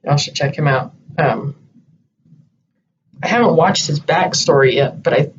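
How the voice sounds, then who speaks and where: A man's voice: on the high side, unhurried. Rambling man, muffled and distant. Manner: rambling, hesitant, thinking aloud. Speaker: co-host. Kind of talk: casual chat. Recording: distant muffled home recording with light hiss.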